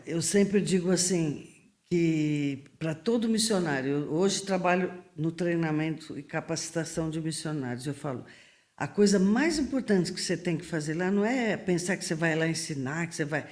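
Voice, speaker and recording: A middle-aged woman from Brazil, a missionary guest on a podcast, telling stories in a lively way, acting out the voices she quotes and laughing often. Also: low-pitched, moderate pace. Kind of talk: lively storytelling in a podcast interview.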